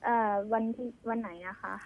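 A young woman calling in, telling her story casually and excitedly. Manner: fast, excitable, self-calls "หนู". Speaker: caller. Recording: tinny phone line.

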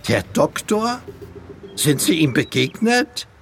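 A man's voice: fairly high pitch, sing-song, slow, vocal fry, a bit bright, slight background noise, voice pushed up, heavily acted. A man voicing a frantic, breathless teenage boy urgently giving a warning.

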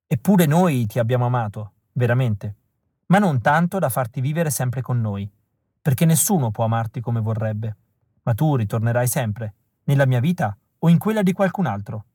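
A man reading an audiobook, voicing a tender and resolute rebel woman in a soft, earnest, measured way. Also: mid-range voice, expressive, no echo, close to an everyday voice.

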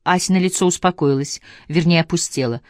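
A woman narrating a literary audiobook with a measured, expressive reading. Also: lowish voice, no room sound, clean studio sound.

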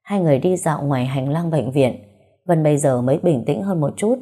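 A woman narrating a romance story, with even, unhurried reading. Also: deep voice.

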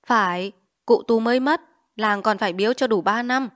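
Woman doing a hot-headed old village guy, shouty and indignant, pitched kinda high. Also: moderate pace, natural voice. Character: quarrelsome older village notable, man.

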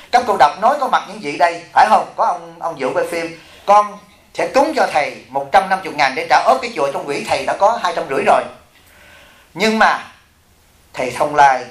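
Animated high-voiced monk in echoey hall. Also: male voice. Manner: animated storytelling, acting out quoted voices, asking the audience. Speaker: Buddhist monk and abbot. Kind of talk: dharma talk.

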